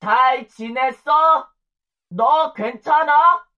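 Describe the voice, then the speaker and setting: A woman's voice: sits high, extremely slow, highs cut off. A woman voicing a young boy who calls out through a glass door in an audiobook. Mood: urgent calling.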